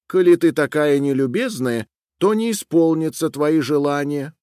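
A man's voice: fairly high pitch, lively intonation, moderate pace, dark tone, clean tone, no room sound, studio quality, pitched above the performer's own voice, natural voice. A man voicing a small talking mouse who warns a rude girl. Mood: warning. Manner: offering then warning. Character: small helpful mouse, offended.

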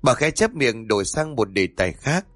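A man narrating a ghost story in a dramatic, drawn-out reading. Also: medium pitch, big pitch swings, a bit bright, no room sound, faint music behind. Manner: dramatic, slow and drawn-out in tense passages.

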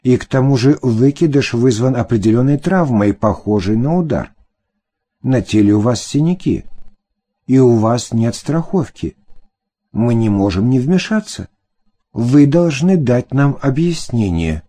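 A man's voice: medium pitch, expressive, measured pace, mellow. A man voicing an elderly male American social worker who asks questions politely and with detachment in an audiobook. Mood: formal.

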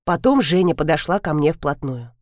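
A woman narrating an audiobook in the first person, in an even, wry storytelling manner. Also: mid-range voice, normal speed, no echo, studio quality.

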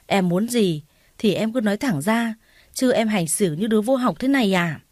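A woman's voice: medium pitch, lively intonation, normal speed, no room sound, close to an everyday voice. A woman voicing a scheming, jealous young woman who taunts her rival and puts on fake tears, in a dry recording. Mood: fake crying. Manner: sharp, taunting, then whiny fake sobbing.

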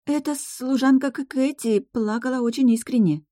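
Reader putting on a timid girlish spirit, high soft drawn-out voice, storybook reading. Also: no echo, studio quality, lightly acted. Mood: quiet. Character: shy young female spirit sharing a body, fearful.

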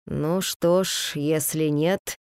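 A woman voicing a weary, gentle husband who speaks slowly in a low, subdued, halting way. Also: steady tone, smooth, no echo, clean studio sound. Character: weary, soft-spoken husband, gentle, slow.

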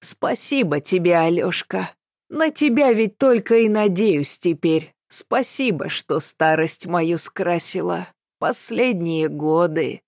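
Old woman in a hospital bed, plaintive and plain-spoken, read by a woman, low voice. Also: expressive, slow pace, a little mellow, dry recording, studio quality. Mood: gentle.

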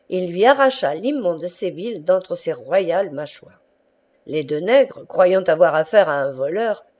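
A woman with a mid-range voice reads a classic novel as an audiobook narrator, keeping her delivery measured yet expressive.

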